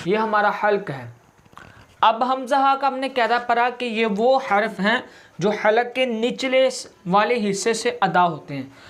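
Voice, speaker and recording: A man teaching a recitation class step by step, drawing out each sound slowly and deliberately to demonstrate it. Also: high-pitched, fairly bright tone. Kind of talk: step-by-step lesson.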